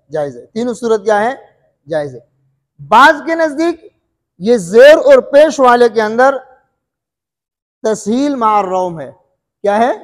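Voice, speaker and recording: A man's voice: sits high, big-room sound. A male Quran recitation teacher giving a classroom lesson, repeating each question and answering it himself, often checking whether the students follow.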